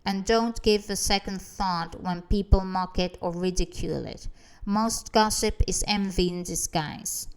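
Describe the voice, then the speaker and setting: A woman's voice: medium pitch, a little slow, clean tone, lightly acted. A woman reader voicing a confident motivational speaker who addresses a crowd from a stage with emphatic, rousing delivery.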